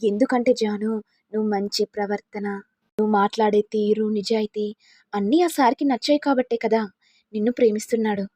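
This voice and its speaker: A woman's voice: mid-range voice, fairly even intonation, brisk, warm tone, no room sound, natural voice. A woman voicing a reassuring older sister.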